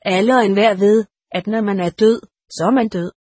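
A woman voicing a big, frightened, burly soldier with a gruff, disbelieving manner in an audiobook. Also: mid-range voice, a little mellow, no room sound, clean studio sound, natural voice. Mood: indignant. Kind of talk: audiobook character reading.

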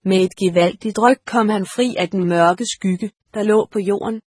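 A woman reading an audiobook in a calm, measured storytelling manner, close to the mic. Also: mid-range voice, breathy edge, no room sound. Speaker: audiobook narrator. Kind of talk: scripted narration.

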